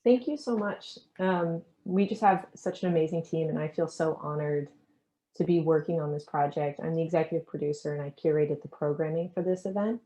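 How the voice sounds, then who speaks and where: A woman's voice: low voice, fairly even intonation, a little fast, mellow, highs cut off. An American woman hosting a webinar over a video call as its executive producer, talking with enthusiasm and fluent ease, with frequent ums. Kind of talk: webinar presentation.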